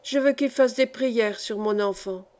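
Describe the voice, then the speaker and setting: A woman's voice: fairly high pitch, measured pace, darkish tone, natural voice. A woman reading an anxious old peasant grandmother who pleads urgently, in a storybook. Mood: pleading.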